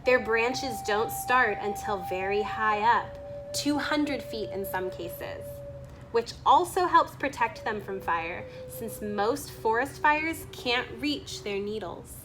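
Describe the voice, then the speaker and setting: Her voice is animated and on the high side, and there's music in the background as she reads a children's book aloud. She keeps stopping to comment offhandedly on the pictures.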